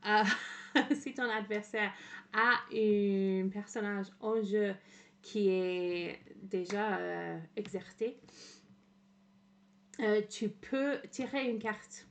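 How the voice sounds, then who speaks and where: A young woman streaming in casual chat, laughing often and slipping between French and English with halting restarts. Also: medium pitch, fairly bright tone.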